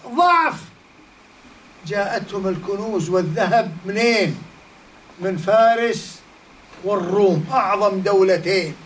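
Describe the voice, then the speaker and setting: High-voiced man teaching. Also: fairly bright tone. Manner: storytelling with rhetorical questions. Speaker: Islamic teacher. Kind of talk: religious lesson. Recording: distant mic, faint background noise.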